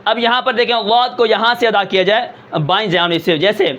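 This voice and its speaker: High-voiced male Quran teacher, lo-fi. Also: fairly even intonation, bright, forceful tone. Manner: patient, explanatory, asks himself rhetorical questions and checks in with "okay"; slows and draws out words to demonstrate sounds. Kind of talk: tajweed pronunciation lesson. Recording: dull, slightly lo-fi sound.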